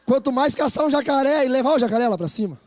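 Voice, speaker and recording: A man with a Brazilian Portuguese accent preaching a sermon as pastor, telling stories in an animated way and rousing his congregation to repeat after him. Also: very high-pitched, fast talker. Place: church hall. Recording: long reverb of a church hall.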